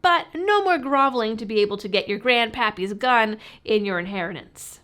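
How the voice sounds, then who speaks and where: A woman's voice: on the high side, animated, normal speed, fairly bright tone. A woman with a cold, her voice stuffy and muffled as if talking through a fishbowl, hosting a political commentary channel with sarcastic, pointed delivery.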